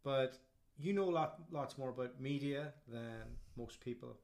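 A man's voice: medium pitch, a little slow, gravelly, darkish tone. A man with an Irish accent, hosting a podcast and interviewing in a casual, conversational way. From Ireland. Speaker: podcast host.

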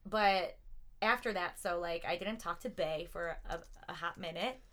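A woman's voice: lowish voice, normal speed, a bit bright. A woman in casual podcast chat, telling a personal story with many fillers and frequent laughs.

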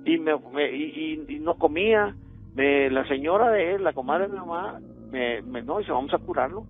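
Over a tinny phone line with music, a middle-aged man with a Mexican accent rings a radio show to share a ghost story. He rambles and hesitates, his fairly high voice animated and at normal speed.

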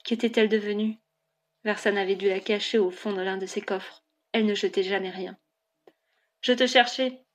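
A woman narrating a novel as an audiobook in a clear, even storytelling delivery. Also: mid-range voice, a little fast.

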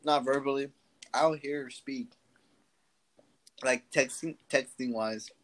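A man's voice: medium pitch, unhurried, fairly bright tone. Slangy, laid-back teenage guy. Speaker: podcast co-host. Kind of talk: casual chat.

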